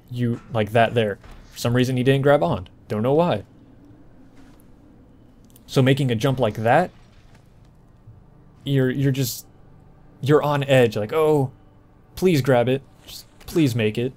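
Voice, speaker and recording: Over the ambience of a video game, a walkthrough host chats casually, explaining as he plays. He has a mid-range voice with a darkish tone.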